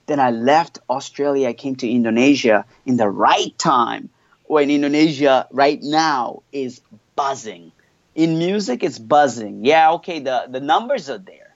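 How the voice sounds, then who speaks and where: A man's voice: mid-range voice, animated, unhurried, dry recording, muffled recording. A man from Montreal whose first language is French, talking as an interview guest in a loose, slangy way full of restarts and "you know what I'm saying". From Canada (Montreal). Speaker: interview guest, hip hop artist. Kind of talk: casual interview chat.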